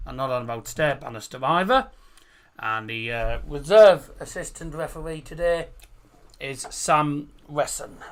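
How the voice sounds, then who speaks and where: A man with a slightly high, bright voice hosts a football stream. He announces at an unhurried pace in an informal manner. His speech impediment turns his r sounds into w. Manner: informal, deliberate on names, swears mildly. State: has a cold. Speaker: football watchalong host. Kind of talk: live stream announcing, reading out team lineups.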